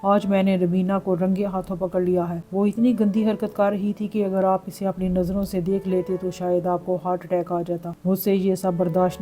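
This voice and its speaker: A woman's voice: lowish voice, mellow, natural voice. A woman voicing a young woman in a read-aloud story, pleading and accusing. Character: desperate young married sister.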